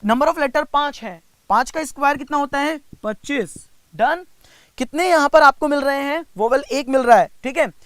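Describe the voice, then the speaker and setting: A young Indian man teaching reasoning in a live online class, mixing Hindi with English, coaxing and teasing students by name and slowing down to spell out each step. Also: very high-pitched, fairly bright tone, dry recording. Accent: Indian English mixed with Hindi. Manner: coaxing and teasing, reads out student names, slows down to spell out steps. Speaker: reasoning teacher for bank exams.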